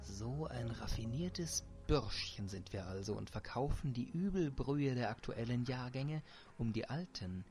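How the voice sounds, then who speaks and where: A man voicing a brutal, greedy man who talks in a low, sneering, menacing way. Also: expressive, unhurried, a little mellow, faint music behind. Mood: sneering whisper.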